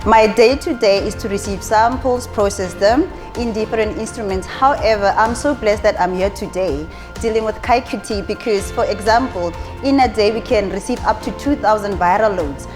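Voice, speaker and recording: A woman, a lab supervisor, giving a grateful and slightly halting testimonial. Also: medium pitch. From South Africa. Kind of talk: interview testimonial. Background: background music.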